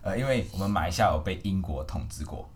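A man's voice: deep voice, fast, slight background noise. A man from Malaysia hosting a podcast, chatting playfully and mixing in English phrases. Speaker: podcast host. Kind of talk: casual chat.

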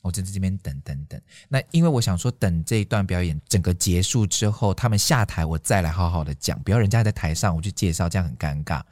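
Fast, lively man telling stories. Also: deep voice, dry recording, studio quality. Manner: animated, acts out quoted dialogue. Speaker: podcast co-host and event emcee. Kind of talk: casual chat, storytelling.

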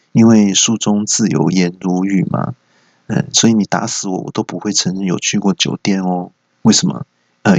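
A man tells comic stories with teasing asides. His voice is gravelly and husky. The recording is dry and dull, lo-fi. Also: low voice, no room sound. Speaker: comedy podcast host. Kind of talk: comedic storytelling monologue.

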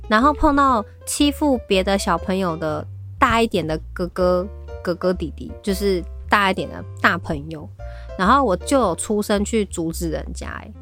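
Animated woman storyteller. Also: medium pitch, moderate pace, faint music behind. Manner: animated storytelling, often laughing. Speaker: podcast co-host. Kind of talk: casual chat.

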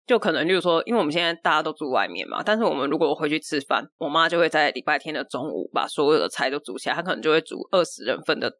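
A woman with a Taiwanese Mandarin accent, co-hosting a podcast and telling a family story in lively, exasperated fashion. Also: sits low, rapid-fire, few pauses, dry recording. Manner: animated storytelling, exasperated retellings. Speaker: podcast co-host. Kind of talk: casual chat.

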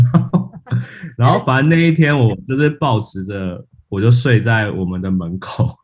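A podcast co-host with a medium-pitched voice, speaking at normal speed, casually tells a funny story about himself. He's an animated storyteller who laughs at his own mishaps and acts out what people said.

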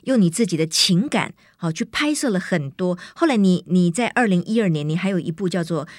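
Expressive middle-aged Taiwanese woman hosting, lowish voice. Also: brisk, dry recording, clean studio sound. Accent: Taiwanese Mandarin, carefully standard. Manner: clearly enunciated, effusive. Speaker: interview host. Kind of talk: conversational hosting.

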